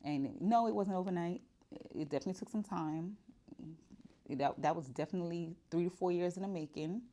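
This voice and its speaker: Her voice sits on the low side, brisk and dark, as this woman in her 40s chats casually and candidly to the camera in her shop for a personal vlog, often using fillers and restarting sentences.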